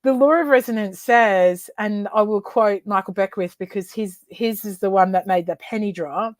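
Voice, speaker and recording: An expressive woman guest speaking as a coach and author, mid-height voice in a dry, close-miked setting. She talks in a conversational way and brings her stories to life with sudden vocal leaps. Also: moderate pace, no echo. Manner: animated, acts out dialogue with big pitch leaps. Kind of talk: conversational storytelling interview.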